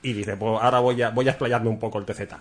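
A man's voice: lowish voice, steady tone, fast talker. A man plays a skeptical, party-minded friend in a comic radio horror sketch. He stammers, mocks and swears a lot. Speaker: radio presenter.

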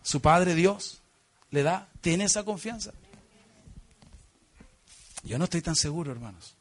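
A man with a Chilean accent preaching a sermon, emphatic and questioning his congregation, swinging from loud exclamations to hushed, earnest passages. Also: on the high side, lively intonation, unhurried, a little hiss or hum. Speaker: pastor.

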